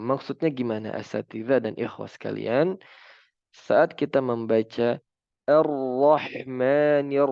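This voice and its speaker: A man teaching a religious lesson on recitation, chanting example words slowly and then explaining them. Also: medium pitch, vocal fry, dry recording, dull audio.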